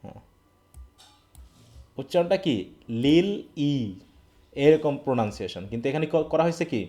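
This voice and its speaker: A man's voice: a little high, lively intonation, fast talker, dark tone. A man from Bangladesh teaching a live online English class, often checking that students follow. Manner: asks questions and checks understanding.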